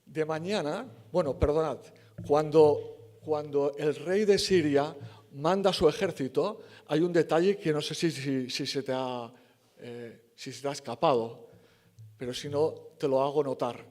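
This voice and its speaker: Preaching a sermon in church, a man speaks in an emphatic yet conversational way, correcting himself and acting out the lines he quotes. His pitch is fairly high, his delivery unhurried, and his tone a little mellow.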